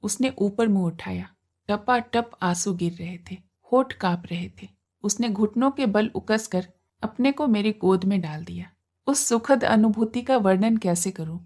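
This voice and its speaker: A woman narrating a literary short story in a measured, expressive storytelling manner. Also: mid-range voice. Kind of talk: scripted audiobook narration.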